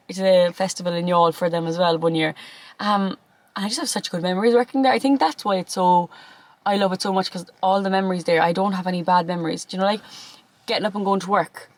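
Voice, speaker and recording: A woman's voice: on the low side, low-quality recording. A young Irish woman in her twenties chatting casually on her own channel, bubbly and rambling with lots of fillers. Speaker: YouTuber. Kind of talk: casual chat.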